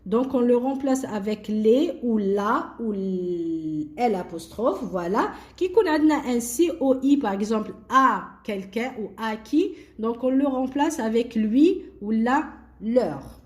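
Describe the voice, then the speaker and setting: A woman teaching a French grammar lesson, mixing French and Arabic and slowly repeating words for students to write. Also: on the high side, lively intonation. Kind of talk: classroom lesson explaining grammar.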